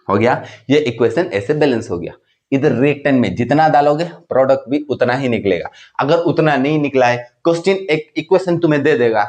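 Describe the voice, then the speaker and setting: A man teaching a chemistry class, voice sitting a little high for a man. He keeps checking that his students follow. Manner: questioning, repeats checks for understanding. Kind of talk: classroom explanation.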